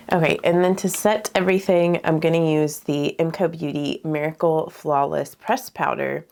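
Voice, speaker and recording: This beauty vlogger has a low, gravelly and slightly mellow voice. Doing her makeup in a casual get-ready-with-me chat, she sounds somewhat nasal and congested and uses lots of fillers.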